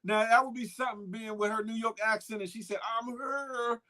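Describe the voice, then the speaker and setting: A fast-talking man with a high-pitched, steady tone hosts an informal live stream. He enthusiastically shouts out viewer names and rambles along, repeating his catchphrases.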